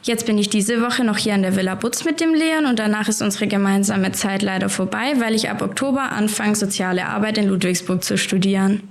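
A woman's voice: medium pitch, brisk, hardly any pauses. A nineteen-year-old woman and holiday program carer, giving chatty, detailed answers in a casual interview.

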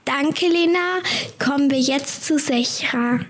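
A woman with a high voice co-hosts an interview and keeps her questions brief and polite. She speaks plainly. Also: slow pace.

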